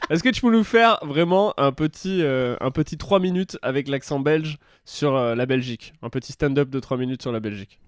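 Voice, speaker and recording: A man's voice: medium pitch, normal speed, hardly any pauses, no room sound, clean studio sound. A man co-hosting a podcast in casual banter, hesitating and restarting often. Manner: hesitant, many fillers and restarts. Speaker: podcast co-host.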